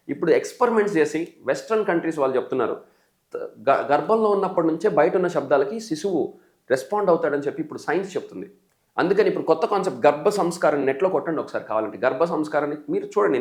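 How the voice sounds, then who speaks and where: A man from the Telugu states teaching English as an exam coach, animated, mimicking learners' mistakes and calling the viewers friends. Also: on the high side. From Telugu states of India. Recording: echoey room.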